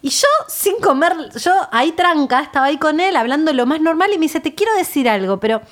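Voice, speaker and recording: A woman with a Rioplatense Spanish accent telling a story in casual chat, animated, and she swings from loud to quiet. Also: sits high, brisk.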